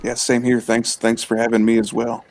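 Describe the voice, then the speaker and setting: A man's voice: medium pitch, completely flat delivery, normal speed. A man, a church member on a panel, talking casually and hesitantly with many fillers. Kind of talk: casual livestream panel talk.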